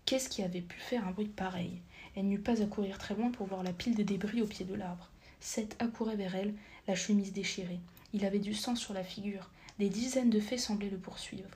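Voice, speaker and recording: A woman narrating a storybook audiobook, reading steadily and sometimes dropping to a soft, near-whispered tone. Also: mid-range voice, brisk, slight background noise. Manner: steady reading, drops to a soft near-whisper at times, corrects small slips. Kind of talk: scripted narration.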